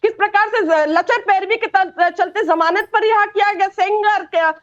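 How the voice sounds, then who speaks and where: A woman's voice: very high voice, moderate pace, highs cut off. A woman speaking for a political party on a TV debate, combative and accusing, talking over the others. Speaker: party spokesperson. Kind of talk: heated TV debate argument.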